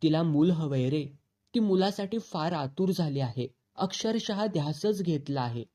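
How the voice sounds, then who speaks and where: A desperate, pleading male friend begs his old companion for help in a storybook reading, as a man puts him on. The voice stays dark and mellow, and the pleas lift slightly in pitch. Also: animated, unhurried. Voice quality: pleading, helpless.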